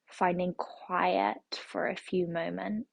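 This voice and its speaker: A woman leading a yoga class through a slow, soothing guided meditation. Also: lowish voice, fairly even intonation, gravelly, no echo. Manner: slow, soothing, repetitive phrasing. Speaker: yoga teacher.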